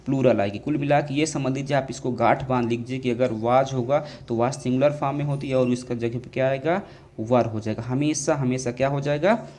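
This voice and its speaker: A man teaching an exam grammar lesson, constantly asking questions and answering them himself, calling his students dear children and drawing out English words slowly. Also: mid-range voice, a little mellow, slight background noise.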